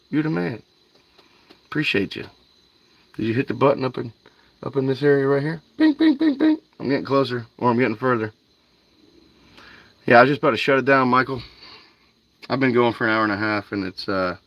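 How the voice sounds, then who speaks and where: At night, outdoors beside a canal, a man hosts a fishing livestream, chatting loosely with viewers, greeting them by name, and saying "dude" and "man" a lot. His voice is fairly low and the audio is dull.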